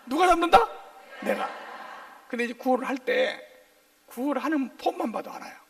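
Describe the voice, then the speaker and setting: High, gravelly-voiced preaching man. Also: distant mic. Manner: lively, quizzes the congregation with call-and-response questions; jokey, playful asides. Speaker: pastor. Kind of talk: sermon.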